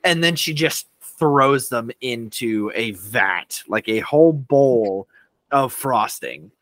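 Bright, playful podcast co-host man. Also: mid-range voice, slow, no echo. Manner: animated, playful. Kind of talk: casual chat.

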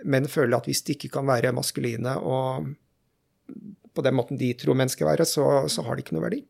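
A man working as a general practitioner, talking in a relaxed podcast conversation, thoughtful and hesitant with many fillers. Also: mid-range voice, vocal fry, breathy edge. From Norway.

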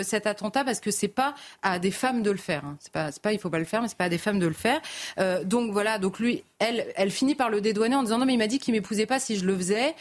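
Hesitant French woman recounting a trial. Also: mid-range voice. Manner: recounts court testimony with many hesitations and restarts. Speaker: court reporter on a TV panel. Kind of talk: live TV news debate commentary.

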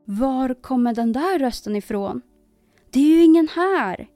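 Woman playing an old carpenter, muttering, nervous, mellow voice, storybook. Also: sits high, expressive, dry recording, faint music behind. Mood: frightened. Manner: muttering, nervous false cheer.

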